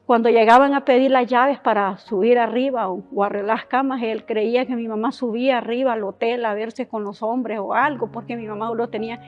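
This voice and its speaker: A woman from Honduras sharing a personal testimony, telling her story in a halting, emotional way with many restarts. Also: a little high, fairly even intonation. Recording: dull lo-fi sound with faint music.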